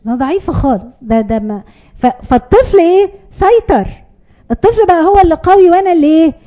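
A woman's voice: extremely high pitch, animated, quick pace, dull audio. A woman with an Egyptian accent giving a parenting talk to an audience, emphatic, repeating key phrases and acting out short parent and child exchanges. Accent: Egyptian Arabic. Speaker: parenting educator.

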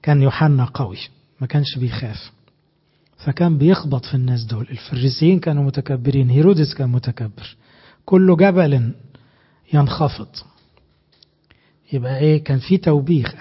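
A man preaching in an Egyptian Arabic accent, pressing his points hard and stopping to ask the congregation questions. His voice sits a little high and has a husky edge. The recording is dull and lo-fi. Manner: animated, emphatic preaching with rhetorical questions. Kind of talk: sermon.

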